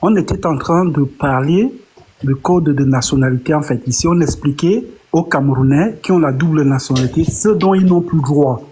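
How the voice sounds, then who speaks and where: A man's voice: on the high side, moderate pace, a little mellow, slightly rough. Man calling a heated panel to order. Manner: calls for order, reproachful. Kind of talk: heated online panel debate.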